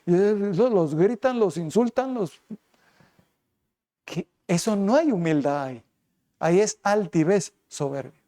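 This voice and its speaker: A man preaching as a pastor, emphatic, pressing his flock with rhetorical questions and moving between quick and slow passages. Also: high voice, expressive, mellow. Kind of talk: sermon.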